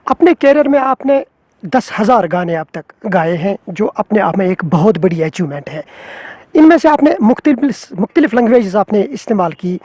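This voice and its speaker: A man's voice: sits high, sing-song, darkish tone, no room sound. A man interviewing a guest, asking polite, formal questions.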